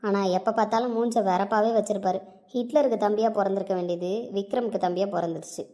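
A woman's voice: medium pitch, steady tone, quick pace, dark tone, natural voice. A woman voicing a sulky young woman complaining to her friend about a grumpy man, in a read-aloud audio story. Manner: grumbling, exasperated storytelling of a grievance.

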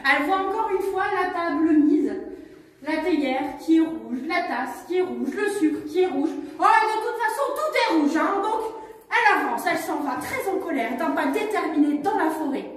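A woman storyteller telling a children's story with animated exclamations. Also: very high-pitched, moderate pace, slight background noise. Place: museum. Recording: echoey room from far off.

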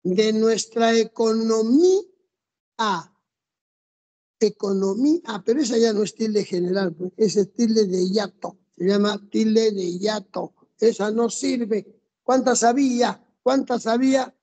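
A classroom teacher with a warm, mellow tone who talks at a slow, deliberate pace. The teacher lays out each rule in order and keeps asking the students for answers. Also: medium pitch. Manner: methodical, drills rules step by step and quizzes students. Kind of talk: classroom lesson.

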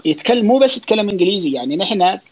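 A man with a Saudi accent, a child psychiatrist, talks quickly through listener questions in a loose, explanatory way, full of fillers and restarts. His voice sits a little high for a man. The sound is dull and lo-fi, like a voice streamed through an online audio room. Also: big pitch swings, a little mellow. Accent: Saudi Arabic. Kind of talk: casual spoken Q&A on an online audio space.

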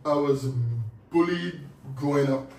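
A man's voice: on the high side, steady tone, unhurried, gravelly, a little mellow, distant mic, faint music behind. A man with a Caribbean accent from Saint Kitts and Sint Eustatius, telling personal stories as a guest in a casual interview. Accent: Caribbean, Kittitian and Statian. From born in Saint Kitts, grew up in Sint Eustatius. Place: radio studio. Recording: roomy, off-mic, faint noise.

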